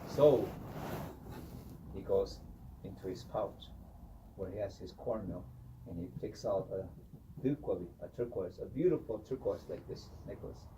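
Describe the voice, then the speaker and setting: A man telling a traditional story in an animated way, often saying "you know". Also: low voice, a little slow, long pauses, noisy background. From Hopi. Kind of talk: oral storytelling. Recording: distant mic with faint ambience.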